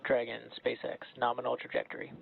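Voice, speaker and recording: A man's voice: mid-range voice, completely flat delivery, fairly quick, vocal fry, phone-quality sound. A man serving as a launch controller, calling the countdown and status updates over a crackly mission control radio loop.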